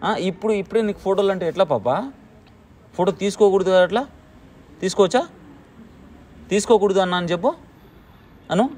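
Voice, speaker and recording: High-voiced man teasing a child. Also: brisk, long pauses, a little mellow. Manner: mock-stern, firing repeated questions; coaxing, repeating soothing phrases. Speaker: vlogger playing with a small child. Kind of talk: casual teasing talk with a child.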